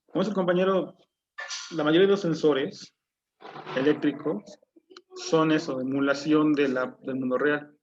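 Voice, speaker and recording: Male teacher, fairly high voice, lecturing online through a dull, lo-fi computer mic. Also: fairly even intonation, normal speed, long pauses, slight background noise. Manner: explanatory, asks the class questions. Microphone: low-quality computer mic.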